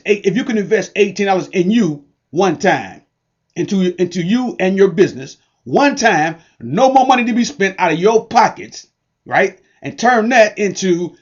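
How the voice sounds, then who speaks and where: Pitching hard to the camera, a man with a high voice promotes an online business on a dull, lo-fi recording. He preaches in casual slang, hammering repeated call-and-response hype lines.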